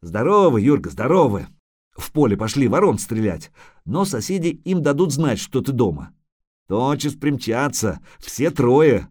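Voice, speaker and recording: A man's voice: medium pitch, big pitch swings, unhurried, a little mellow. A man voicing an anxious, loving merchant's wife who pleads eagerly. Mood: pleading.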